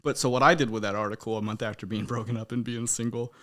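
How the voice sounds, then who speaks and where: A young man hosting a casual podcast, talking quickly with a bright, forceful voice. He jokes around, laughs a lot and swears offhandedly. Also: medium pitch, steady tone. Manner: laughs often, loose and joking, swears casually. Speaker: podcast host. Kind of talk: casual chat.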